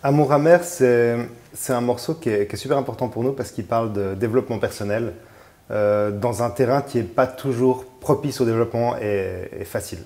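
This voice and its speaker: A man's voice: medium pitch, brisk, mellow. A man in his thirties, a musician guest in a casual radio interview, who talks with many fillers and restarts.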